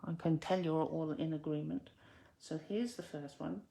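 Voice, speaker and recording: Her deep, mellow voice carries some vocal fry and moves at an ordinary pace. She chats through making a card in a relaxed crafting tutorial, muttering as she goes and running herself down a bit.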